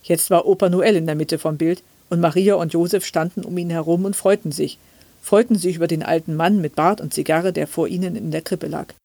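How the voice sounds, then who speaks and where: Lady reading a kids story aloud, calm and gentle, dry recording. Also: fairly low pitch, a little fast, dry recording. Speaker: reader. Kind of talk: scripted storybook narration.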